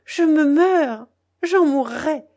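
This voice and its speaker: A woman's voice: high-pitched, takes it slowly, warm tone, pitched above the performer's own voice. A woman voicing a young heroine, tender and emotional, speaking in a raised, pleading way.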